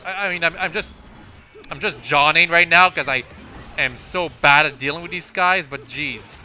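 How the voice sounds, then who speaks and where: Over game music, a young let's-play commentator talks in a somewhat high, bright, forceful voice at a moderate pace. His casual commentary wanders, full of restarts, self-corrections, and fillers like "uh" and "like."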